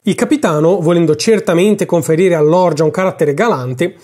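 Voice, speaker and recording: A man's voice: on the high side, a little fast, darkish tone. A man reading a classic story aloud for his podcast, narrating expressively and dramatically. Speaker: podcast host and reader.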